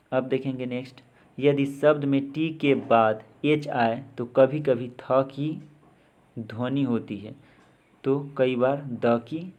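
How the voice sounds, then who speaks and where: A man's voice: mid-range voice, darkish tone. A man teaching English pronunciation, reading out words one by one with their meanings and sometimes repeating them. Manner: slow and deliberate, repeats words. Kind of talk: spoken pronunciation lesson.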